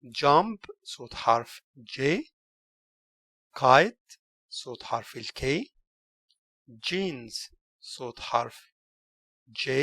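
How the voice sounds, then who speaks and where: A man's voice: medium pitch, fairly bright tone, dry recording. A man with an Egyptian Arabic accent teaching English letter sounds, saying each letter and word and then explaining it. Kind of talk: recorded language lesson.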